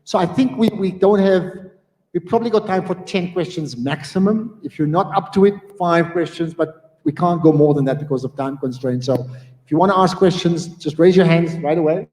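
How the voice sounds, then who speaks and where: A chatty man emcees a live event in a big hall. His voice sits a bit high but sounds mellow and warm. A long hall reverb trails every phrase. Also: moderate pace. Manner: chatty, lively, self-interrupting. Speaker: event host. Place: community hall.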